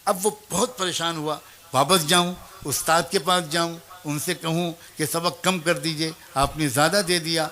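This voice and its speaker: A man's voice: on the high side, fairly even intonation, pushed and bright. A man preaching a storytelling sermon, earnestly telling a moral tale and speaking directly to mothers and young people, acting out the people in the story. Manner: acts out the child, teacher and mother in the story.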